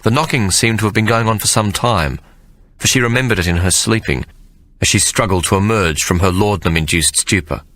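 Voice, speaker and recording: A man narrating an audiobook in a measured storytelling manner. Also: lowish voice, a bit bright, dry recording. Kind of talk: scripted narration.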